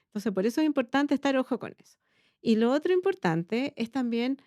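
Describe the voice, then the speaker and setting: A woman's voice: sits high, big pitch swings, a little fast, a little mellow, no echo, studio quality. A woman pediatrician with a Chilean accent, explaining patiently in a casual podcast chat and checking in with tag questions. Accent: Chilean Spanish.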